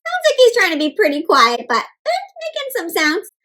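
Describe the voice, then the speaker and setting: At normal speed and in a very high-pitched voice, a woman reads a story to children with lots of animation. She engages them through questions, playful sound effects and exclamations.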